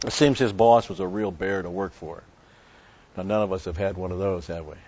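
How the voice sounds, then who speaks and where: A man preaching a sermon in a measured way, with emphatic stresses. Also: deep voice, a little mellow, dull audio. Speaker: pastor.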